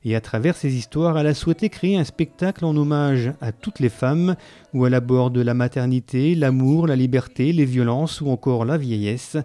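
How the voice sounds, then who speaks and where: Mellow-voiced man reading a local news report. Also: medium pitch, normal speed. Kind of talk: scripted news voice-over.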